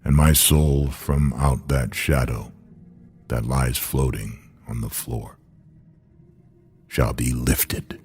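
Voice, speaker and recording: Very deep, husky man reciting dramatically. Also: steady tone, darkish tone. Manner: theatrical, intense, solemn, drawn-out phrasing. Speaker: poetry reader.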